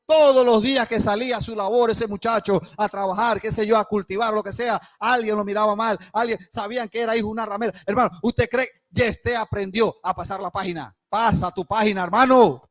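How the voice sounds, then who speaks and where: A man preaching a sermon in a church, swinging between loud calls and hushed asides and acting out the voices he quotes. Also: high-pitched, steady tone, fairly quick, few pauses. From Panama. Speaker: pastor.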